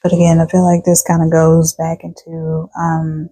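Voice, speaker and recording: A woman's voice: low voice, monotone, normal speed, mellow, no room sound, low-quality recording. A woman doing a casual tarot reading for her viewers, chatting and reading card texts aloud, tired and yawning. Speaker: tarot reader.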